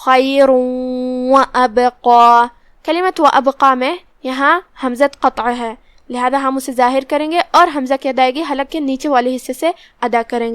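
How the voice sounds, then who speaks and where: A woman teaching the rules of Quran recitation, explaining each letter step by step and then reciting slowly and drawn out. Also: high voice, fairly bright tone, clean tone, dry recording. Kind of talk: tajweed lesson with slow recitation.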